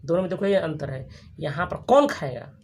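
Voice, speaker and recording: Husky teacher drilling a class, says each term twice, keeps asking "what is it?". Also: mid-range voice, a little mellow. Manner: repeats terms and quizzes the class with quick questions; frequent restarts and checking questions. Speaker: Hindi grammar teacher. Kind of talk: classroom lesson with call-and-response.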